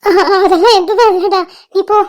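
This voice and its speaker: A pack of young cartoon college girls, voiced by a woman in a very high, squeaky register. They talk in a pleading, affectionate way and boss the boys around. The tone is fussy and caring. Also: fairly even intonation, normal speed. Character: chatty young college girls, worried friends. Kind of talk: cartoon voice acting.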